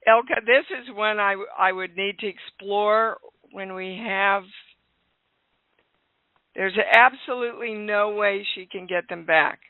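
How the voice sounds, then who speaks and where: A woman's voice: medium pitch, dry recording. An older woman hosting a call-in radio show, giving spiritual guidance in an emphatic, affectionate way. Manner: emphatic, affectionate, slow and deliberate. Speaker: host and healer. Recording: tinny phone-line sound.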